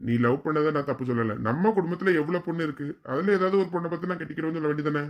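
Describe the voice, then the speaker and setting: A performer plays a stern but resigned father. The speech runs fast at a middle pitch. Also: lo-fi sound. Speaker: father in a family sketch. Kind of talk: family comedy sketch acting.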